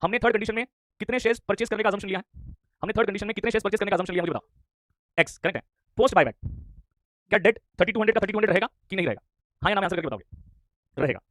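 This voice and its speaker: Fast-talking hoarse man teaching online. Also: high-pitched, fairly bright tone. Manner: scolding, repeats lines, quizzes students. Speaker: commerce teacher. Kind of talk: online lecture.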